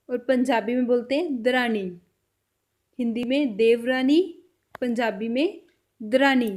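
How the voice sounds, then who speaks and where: A woman teaching a vocabulary lesson, saying each word and then repeating it, with her voice trailing off softly at the end of a phrase. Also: high voice. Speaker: language teacher.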